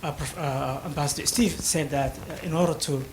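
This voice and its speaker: A man from Somalia asking a question from the audience at a panel, halting with many fillers. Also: a little high, fairly even intonation, background noise.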